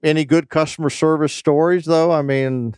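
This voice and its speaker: Casting: middle-aged male host, smooth clear voice, dry close mic, easygoing anecdotes. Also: a little high, steady tone, normal speed, a little mellow, no echo. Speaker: podcast host. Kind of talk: casual interview.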